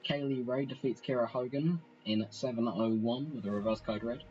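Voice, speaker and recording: A man's voice: medium pitch, normal speed, darkish tone, muffled recording, slight background noise. A man casually narrating a wrestling management game, rambling and self-deprecating as he goes. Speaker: let's play host.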